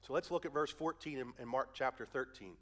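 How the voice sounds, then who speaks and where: A male pastor preaches a conversational sermon despite a head cold, reading and explaining verses and putting questions to his listeners. His voice is medium-pitched and brisk.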